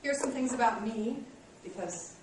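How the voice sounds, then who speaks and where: With a fairly high pitch and lively intonation, this college instructor in her late thirties lectures at a moderate pace. She's friendly, pokes fun at herself, and says um a lot; the echoey classroom recording is taken from far away, with slight background noise.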